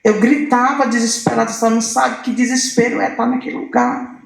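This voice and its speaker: Woman, emotional testimony guest; gravelly voice, roomy sound. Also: a little high, fairly even intonation, brisk. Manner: emotional, repetitive storytelling. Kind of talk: religious testimony.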